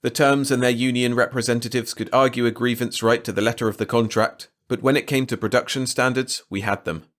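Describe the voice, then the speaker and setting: A man reading a science fiction short story aloud in measured, even scripted narration. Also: medium pitch.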